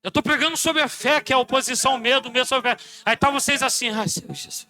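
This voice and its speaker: A Brazilian pastor preaches with a very high, piercingly bright voice. He swings between loud shouted lines and quiet muttered asides, acting out little dialogues. Soft music plays faintly behind him. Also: steady tone, racing. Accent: Brazilian Portuguese. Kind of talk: sermon. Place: church.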